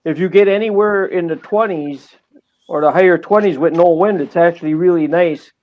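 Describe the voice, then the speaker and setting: A man's voice: high-pitched, normal speed, narrow, tinny audio. A man chatting on a livestream as a guest, plain-spoken and joking. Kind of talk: casual chat.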